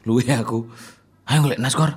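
An actor playing a bold, nosy young man, teasing and swinging from loud to soft in a radio drama. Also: medium pitch, steady tone, normal speed, slightly rough, natural voice. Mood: eager.

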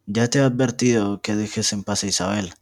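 A young man reading aloud as a proud young lady of the house who gives sharp commands. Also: on the low side, fairly even intonation, moderate pace, vocal fry, pitched above the performer's own voice. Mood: commanding. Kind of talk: amateur reading of a novel.

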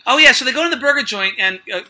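Guy in a video store riffing on an old movie, high bright voice, swears a lot. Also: animated, rapid-fire. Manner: rambling, profane, jokey. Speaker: podcast co-host. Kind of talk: casual drinking chat about a film.

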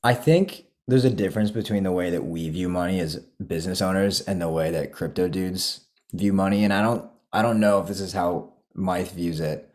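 A young man hosts a podcast in a deep, darkish voice, talking at a moderate pace with few pauses. He's laid-back and chats casually, swearing freely and stuffing his speech with "like."

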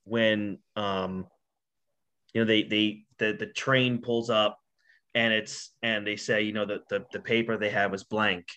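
A man's voice: on the low side, little pitch movement, measured pace, bright, forceful tone, clean tone. Sentimental, enthusiastic man chatting films. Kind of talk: casual film discussion.

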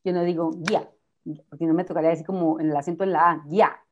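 A woman, a teacher invited as a guest, patiently explaining spelling rules with examples in a relaxed talk. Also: sits low, racing, dull audio, a little hiss or hum.

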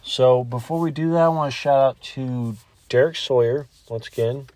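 A man's voice: mid-range voice, moderate pace, darkish tone, dry recording. A man hosting a podcast, chatting casually and rambling, with offhand swearing. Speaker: podcast host.

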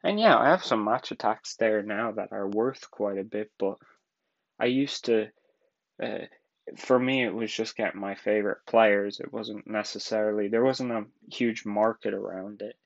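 A young Irish man in his twenties talks through a solo podcast, rambling and casual and quick to laugh. His voice sits on the low side. The recording is dull and lo-fi, like a home setup. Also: creaky. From Ireland. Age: 20s. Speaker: podcast host.

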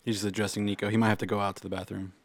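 A man co-hosting a podcast, chiming in with quick asides in casual chat. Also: lowish voice, flat delivery. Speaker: podcast co-host.

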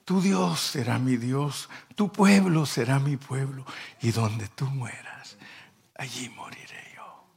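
A man voicing a devoted young woman in whispered role-play, making a hushed, tender vow. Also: medium pitch, slow, vocal fry, husky, voice pushed up, full character voice.

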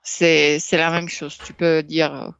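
A woman tutoring in a casual language exchange, explaining patiently with many pauses and fillers. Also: sits low, little pitch movement, vocal fry, fairly bright tone, smooth, no echo, highs cut off. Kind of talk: casual tutoring over a call.

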